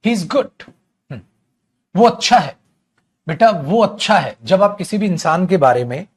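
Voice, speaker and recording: A man with a Hindi accent teaching an English grammar class online, explaining slowly and asking and answering his own questions. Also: high-pitched, animated.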